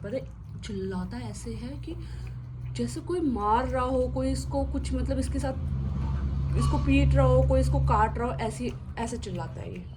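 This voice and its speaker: A woman with a mellow, medium-pitched voice narrates her dogs' antics in a casual home vlog. She sounds chatty and exasperated, calling out to the dogs now and then, and there's a little hiss or hum in the background.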